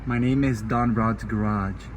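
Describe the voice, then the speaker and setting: A man's voice: on the low side, steady tone, measured pace. A man chatting casually and jokingly in slangy, sweary frat-bro talk while working on a car as an amateur mechanic vlogger. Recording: loud car and tool noise, handheld camera.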